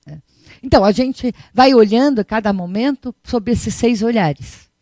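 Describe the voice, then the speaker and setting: Mulher animada em palestra budista, som seco. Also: female voice, fairly high pitch, measured pace, mellow, no room sound. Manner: chatty, rhetorical questions, frequent tag "né?". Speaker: Buddhist teacher. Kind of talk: conversational dharma talk.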